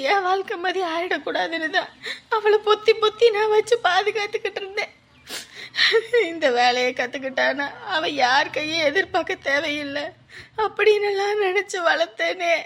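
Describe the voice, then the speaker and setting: A woman's voice: very high-pitched, fairly bright tone. A sobbing village mother. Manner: sobbing lament. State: crying. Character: grieving hot-tempered village mother.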